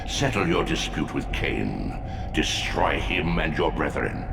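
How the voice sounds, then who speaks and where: Ancient elder god for a fantasy game: imperious, very slow, resonating, loud music underneath. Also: male voice, vocal fry, heavily acted. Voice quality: deep, resonating. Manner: slow, grave, imperious pronouncements. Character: ancient elder god, vast, solemn and commanding. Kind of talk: dramatic video game voice acting. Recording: cavernous long reverb, loud music underneath.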